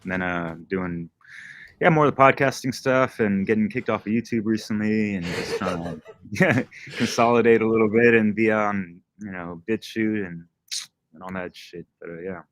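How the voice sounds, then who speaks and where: Laid-back, slangy low-voiced man. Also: moderate pace. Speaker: guest, DJ and podcaster. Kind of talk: casual livestream chat.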